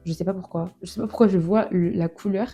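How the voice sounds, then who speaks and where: A woman's voice: on the low side, steady tone, fast, dark tone, slightly rough, soft background music. A woman casually presenting nail polish collections, chatty and self-deprecating, with many fillers. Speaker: nail product reviewer.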